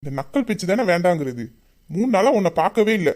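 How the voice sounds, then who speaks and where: A performer plays a lovesick young man in a romantic audio drama. He grumbles and sulks in a mid-pitched voice, putting on anger he cannot keep up. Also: animated, fast talker, a little mellow, close to an everyday voice. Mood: sulky. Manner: grumbling, mock-angry, then tender.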